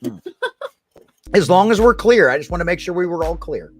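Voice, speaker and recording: A man's voice: high voice, animated, a little fast. A man hosting a podcast, playful and laughing often in casual banter.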